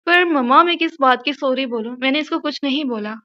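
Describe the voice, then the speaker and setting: A woman's voice: high-pitched, fairly quick, lo-fi sound, close to an everyday voice. A woman voicing a proud, possessive young husband in an audio novel, asking curt, commanding questions.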